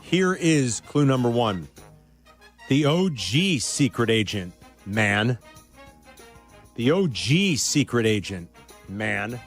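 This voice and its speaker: Male sports radio host, playful game-runner, very animated delivery, faint music under him. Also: mid-range voice. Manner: playful, teasing, repeats clues slowly. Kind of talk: casual radio banter, running a trivia game. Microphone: studio microphone.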